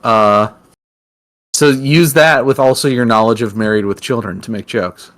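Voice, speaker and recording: A man's voice: medium pitch, moderate pace, a bit bright. A man co-hosting a podcast in casual chat, teasing and goofy, sometimes slipping into silly voices. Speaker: podcast co-host.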